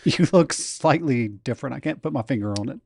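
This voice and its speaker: A man's voice: medium pitch, lively intonation, a little fast, vocal fry, noisy background. A man co-hosting a podcast in a casual chat, teasing his partner and laughing easily. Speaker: podcast co-host.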